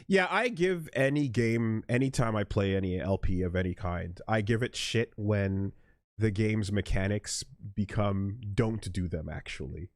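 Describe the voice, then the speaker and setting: A man's voice: fairly low pitch, measured pace, no echo, clean studio sound. A man hosting a let's play, chatting casually about games in an emphatic, opinionated, sweary way. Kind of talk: casual gaming chat.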